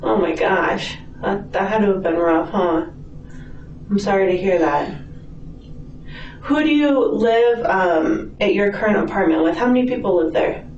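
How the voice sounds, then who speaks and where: In a police interview room, an American woman who is a police detective asks questions sympathetically and frequently checks the answers. Her voice is medium-pitched, unhurried, and a little mellow. The recording comes from a distant, echoey mic, with dull audio and faint noise.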